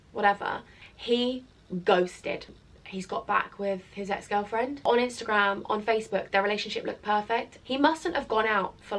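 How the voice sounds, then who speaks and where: A woman in her twenties with an English accent, telling a rambling storytime vlog in a chatty way, full of fillers. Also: on the high side. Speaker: vlogger.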